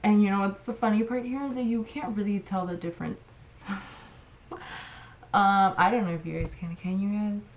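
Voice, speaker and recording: Woman doing a casual makeup tutorial, chatty and informal, medium pitch. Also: fairly even intonation, moderate pace, slight background noise. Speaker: beauty vlogger.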